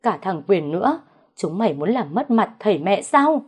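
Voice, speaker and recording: A woman's voice: mid-range voice, very animated, normal speed, breathy edge. A woman voicing a harsh old matriarch who hisses scolding at a disgraced maid. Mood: hissing. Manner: hissing scolding. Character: harsh old matriarch, furious mother-in-law.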